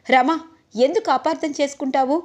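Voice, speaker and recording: A calm, fair-minded father, voiced by a woman narrator. He reasons gently, the voice staying high and even. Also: moderate pace, lightly acted. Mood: reasoning.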